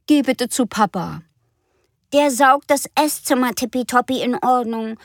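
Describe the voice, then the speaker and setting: Woman doing a hurried busy mum. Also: a little high, no room sound, clean studio sound, voice pushed up. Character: busy mother in the kitchen, hurried.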